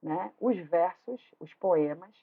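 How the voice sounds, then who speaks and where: A woman's voice: on the low side, takes it slowly, gravelly, slightly rough. A woman teaching a literature lesson, explaining step by step and checking in with tag questions. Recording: tinny phone-like audio.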